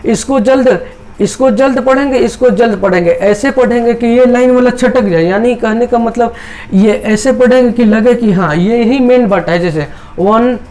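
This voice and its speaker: Man, maths teacher, high pitch, repetitive step-by-step explaining. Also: normal speed, darkish tone. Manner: repetitive, explains step by step, voices students' doubts. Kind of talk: chalkboard maths lesson.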